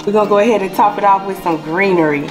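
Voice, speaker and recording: A cooking vlog host with a mid-range voice talks fast as she narrates from her home kitchen, chatting casually and frequently saying "y'all." The audio is poor, and background music plays underneath.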